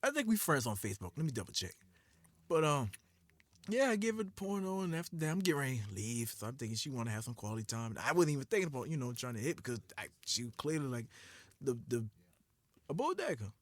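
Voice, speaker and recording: A man in his thirties telling a story on a podcast, lively and laughing, with a close dry mic sound. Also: medium pitch, fast talker, no room sound. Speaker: podcast co-host. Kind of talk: casual storytelling chat.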